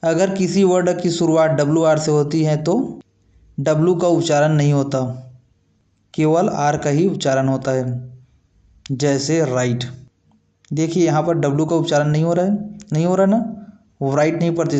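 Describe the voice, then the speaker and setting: A man's voice: on the high side, fairly even intonation, normal speed, dark tone. Patient male English teacher, echoey room. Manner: patient, repetitive explaining, checks understanding with tag questions. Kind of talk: classroom-style lesson explaining pronunciation.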